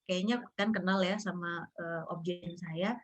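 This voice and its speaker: A woman's voice: fairly even intonation, measured pace, muffled recording. A woman, earnestly telling her own painful experience as an interview guest, acting out what people said. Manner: earnest, acts out quoted dialogue with rising pitch. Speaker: guest sharing a personal story. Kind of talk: emotional personal storytelling.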